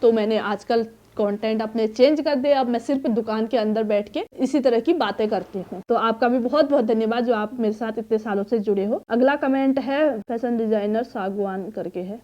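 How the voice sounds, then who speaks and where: A woman in her thirties from Uttarakhand, India, runs a boutique and answers viewer questions to camera from her small shop, filmed on a phone on a tripod. Chatty and advising, she reads comments aloud and pauses to cough and clear her throat. Her voice is a little high with a dark tone, and the audio sounds dull.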